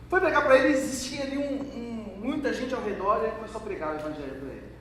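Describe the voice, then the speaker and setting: A male pastor with a high voice tells lively stories during a church hall service, addressing the congregation directly and talking fast. He's heard from far off in the echoey hall, with background noise.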